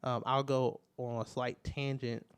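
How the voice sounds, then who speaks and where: A man co-hosting a podcast, talking things through in a measured way with pauses and self-corrections. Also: mid-range voice, level tone, smooth. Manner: measured, thinks aloud with fillers and restarts. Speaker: podcast co-host. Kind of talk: casual podcast discussion.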